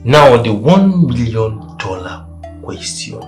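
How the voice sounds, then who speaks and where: An actor playing an accusing, deliberate police officer in a film drama. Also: male voice, mid-range voice, big pitch swings, faint music behind.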